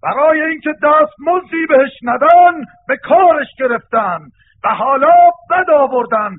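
A man's voice: extremely high pitch, expressive. A man playing an honest master craftsman giving earnest testimony in a radio drama. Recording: tinny lo-fi radio recording.

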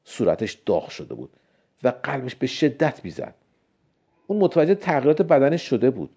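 A man's voice: wildly swooping pitch, mellow, slightly rough. Man narrating a story, dull lo-fi sound. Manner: voices the characters with raised pitch. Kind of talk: scripted narration of a scary children's story. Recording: dull lo-fi recording.

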